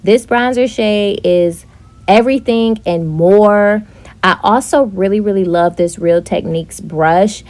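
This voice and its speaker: A young woman narrating a casual makeup tutorial, chatty and relaxed, with frequent fillers. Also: mid-range voice, a little slow. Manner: chatty, with frequent ums and likes. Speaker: beauty vlogger.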